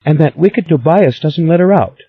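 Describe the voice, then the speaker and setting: Pushing his voice up to the high side, a man performs an audiobook character voice for a sulky, melodramatic young niece who sighs dramatically. He speaks at a moderate pace with lively intonation, and the recording is slightly dull and lo-fi.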